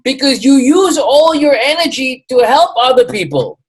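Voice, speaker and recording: A man's voice: extremely high pitch, expressive, moderate pace, breathy edge, voice pushed up, exaggerated voice. A man voicing a blunt male Chinese acupuncturist with an imitated Chinese accent and curt, broken English. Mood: mocking.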